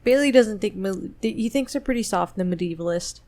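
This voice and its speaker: Woman podcast co-host, casual book chat, medium pitch, reads dialogue aloud. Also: lively intonation, brisk, darkish tone. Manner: retells scenes, reading dialogue aloud.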